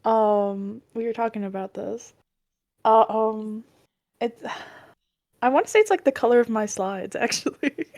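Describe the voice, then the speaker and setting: A woman's voice: a little high, unhurried, a little mellow, no echo. Giggly twenty-something woman. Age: 20s. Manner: cheerful, giggly, hesitant with fillers. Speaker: podcast co-host. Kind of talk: casual chat.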